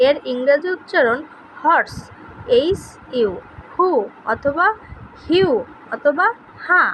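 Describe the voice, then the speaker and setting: A woman teaching a pronunciation lesson, reading out letter pairs and example words one by one in a slow, deliberate way. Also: high voice, a bit bright, a little hiss or hum, poor audio.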